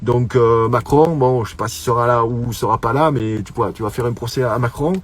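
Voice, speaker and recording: A middle-aged man hosts his own online show, rambling casually to his viewers in a solo monologue, repeating words and stumbling as he goes. His mid-range voice moves fairly quickly with fairly even intonation.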